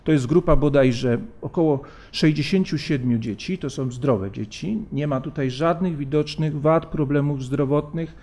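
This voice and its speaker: A man in his forties giving an academic conference lecture at a lectern, measured and hesitant, with frequent fillers and restarts. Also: a little high, dark tone. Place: large conference hall, at a lectern. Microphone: lectern microphone.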